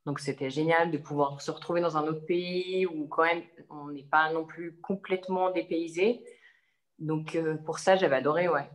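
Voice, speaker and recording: Speaking as a guest in an interview, a young advertising creative from Savoie, France, talks casually but hesitantly, with many fillers and restarts. Her voice is low-pitched and fairly even in intonation, at a normal pace.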